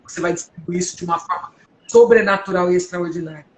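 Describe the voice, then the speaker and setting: Woman, 50s, from Brazil; deep powerful voice, earnest preacher's testimony, echoey home room with faint hum. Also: quick pace. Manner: earnest, emotional, exhorting listeners.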